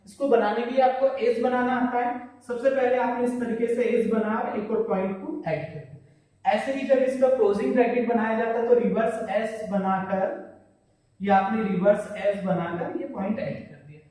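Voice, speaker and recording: Man, school teacher, high voice, repeats and quizzes the class, drawn-out pronunciation of terms, recorded from a distance. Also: fairly even intonation, darkish tone. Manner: repeats each term and quizzes pupils; slow, stressed pronunciation of key words. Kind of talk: blackboard math lesson for children. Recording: very echoey classroom, distant mic.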